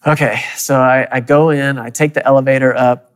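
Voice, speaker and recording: A man preaching, telling a personal story in an animated way, with quick bursts and soft, quiet asides. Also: mid-range voice, clear, resonant tone, long reverb tail. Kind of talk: storytelling sermon.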